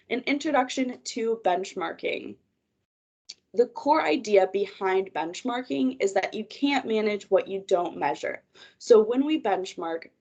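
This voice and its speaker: Presenting a webinar over a video call, a woman project manager sounds congested from a cold. She guides listeners through her slides in an organized manner at a middle pitch. Her tone is darkish and the recording muffled.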